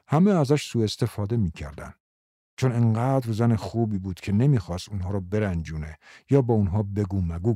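A man's voice: lowish voice, mellow, no room sound, clean studio sound. A man voicing a guilt-ridden village priest in a brooding, confessional inner monologue.

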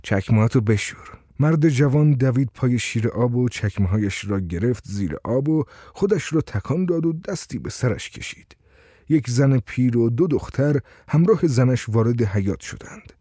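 A man's voice: mid-range voice, animated, mellow, husky, no echo, clean studio sound. A man reading a story aloud as narrator, telling it expressively.

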